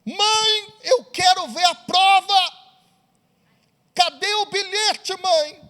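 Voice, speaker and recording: A man's voice: extremely high pitch, very slow, pushed and bright, in a large hall, voice pushed up, full character voice. A man voicing a teenage daughter who pleads insistently with her mother in a sermon story. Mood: pleading.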